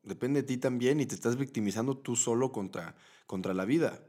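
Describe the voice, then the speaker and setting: A man with a voice of ordinary pitch hosts a conversational podcast. He asks curious follow-up questions. He sums up what his guest has just said. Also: a little fast, dark tone. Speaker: podcast host. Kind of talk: casual interview questions.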